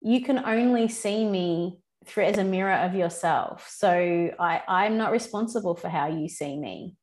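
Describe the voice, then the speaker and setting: A woman's voice: mid-range voice, normal speed, darkish tone. A woman hosting a podcast, talking in an earnest, reflective way and agreeing often with "mm" and "yeah". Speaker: podcast host. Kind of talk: casual conversational interview.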